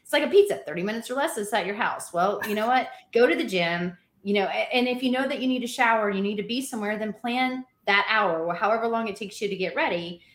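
A woman trainer giving energetic workout advice in a casual chat, laughing often. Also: medium pitch, quick pace, hardly any pauses, echoey room. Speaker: fitness trainer guest.

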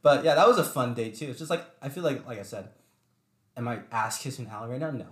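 A young man co-hosting a podcast, telling a story in a relaxed, laid-back casual chat. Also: medium pitch, quick pace. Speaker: podcast co-host. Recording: echoey room.

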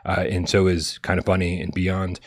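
Low-voiced laid-back male stream host. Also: flat delivery, moderate pace, dry recording, clean studio sound. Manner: laid-back, jokey, stumbles and restarts. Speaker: podcast host. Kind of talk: casual live-stream chat.

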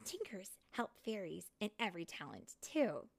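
A woman's voice: medium pitch, wildly swooping pitch, moderate pace, vocal fry, exaggerated voice. A woman voicing a curious, spirited young female fairy in a storybook, asking things eagerly.

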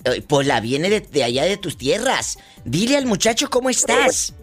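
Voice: mid-range voice, sing-song, moderate pace, soft background music. A self-styled diva hosting a comic call-in radio show, teasing callers in a flamboyant, playful way.

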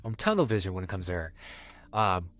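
Man with a lively, swinging voice. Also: brisk, soft background music. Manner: candid, lively pitch, frequent "right?". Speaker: podcast co-host. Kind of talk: casual chat.

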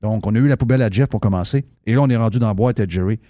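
A man with a Québécois French accent, hosting a radio show in quick, joking, casual banter. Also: lowish voice, no room sound, clean studio sound. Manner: fast, lively, joking.

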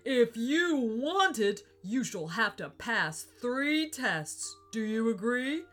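Woman voicing a booming ghost Viking, slow, loud, solemn storybook warrior. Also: very animated, soft background music, full character voice.

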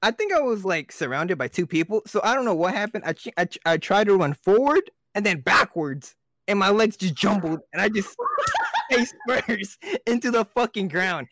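A young man with a high, animated voice co-hosts a casual podcast chat at a normal speed, his tone a bit bright. He tells rambling stories, swears a lot and laughs often, captured in a dry, studio-quality recording.

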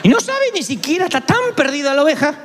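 A man's voice: extremely high pitch, very animated, fast talker, a bit bright. A male pastor preaching a sermon, acting out the words of the people he quotes. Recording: echoey hall with long reverb.

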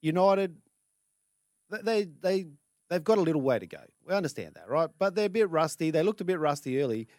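An Australian man co-hosting sports radio, giving casual opinions in a halting way, repeating words as he goes. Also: on the high side, very animated, darkish tone, no room sound, clean studio sound. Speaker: radio sports show co-host. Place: dry radio studio.

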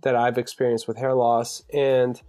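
A man with a raspy voice from a sore throat, hosting a podcast and reading intros and plugs in a casual way. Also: medium pitch, flat delivery, normal speed, dark tone, no room sound, soft background music. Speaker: podcast host. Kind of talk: scripted podcast intro and sponsor read, casual address to listeners.

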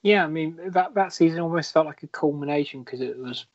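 A man's voice: a little high, a little fast, no room sound, lo-fi sound. A man co-hosting a casual football podcast, rambling and hedging as he thinks aloud. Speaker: podcast co-host.

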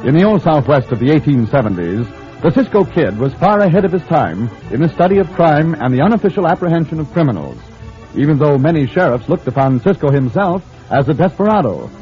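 A man's voice: on the high side, big pitch swings, fairly quick, soft background music. A man narrating an old radio western as announcer, in a scripted dramatic style. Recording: muffled vintage radio recording.

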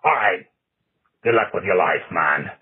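A man leaving a voicemail as a listener, giving his opinions in a deliberate, dry, matter-of-fact way with a rough voice. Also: deep voice. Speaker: listener calling in. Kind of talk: voicemail commentary. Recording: tinny phone voicemail line.

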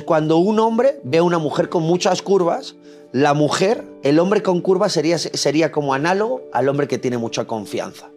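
A young man with a Madrid accent tells his story in earnest, restarting phrases as he goes. His voice sits fairly high. Soft music plays faintly under the conversation. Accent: Madrid Spanish. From Spain. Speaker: dating coach guest. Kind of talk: interview conversation.

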